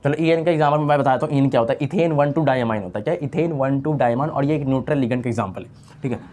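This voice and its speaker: A man's voice: mid-range voice, fast talker, darkish tone. A young man teaching a chemistry lesson in a casual style, repeating key terms and asking and answering his own questions. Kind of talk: online lecture.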